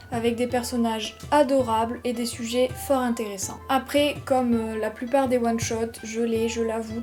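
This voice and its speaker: A woman's voice: fairly high pitch, darkish tone. A woman chatting through her favourite manga in a casual, enthusiastic video review with confiding little asides.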